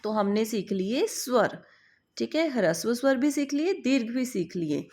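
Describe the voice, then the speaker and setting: Woman, grammar teacher, slow recitation, slightly raised pitch. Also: lively intonation, darkish tone. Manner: patient, drawn-out recitation of letters, addresses students as beta. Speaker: Sanskrit teacher. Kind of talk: online grammar lesson.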